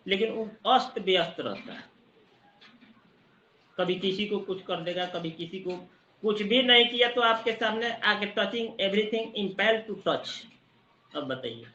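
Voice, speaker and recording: A man teaching a study group from a spot near a busy market, slowly repeating technical terms as he explains. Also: high-pitched, gravelly, bright, forceful tone, reverberant, lo-fi sound, slight background noise. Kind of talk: online study-group lecture.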